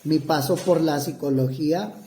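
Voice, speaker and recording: Un hombre mexicano de unos cuarenta años, psicoterapeuta, que responde una entrevista con titubeos, muletillas y frases que vuelve a empezar. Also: male voice, a little high, mellow. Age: 40s. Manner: halting, many fillers and restarts. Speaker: psychotherapist interviewee. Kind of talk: hesitant interview answers. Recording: roomy echo.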